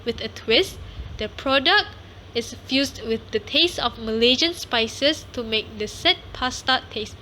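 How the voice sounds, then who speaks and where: A young woman student reading a prepared class presentation in a careful, steady way. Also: fairly high pitch, unhurried, slight background noise, rough recording.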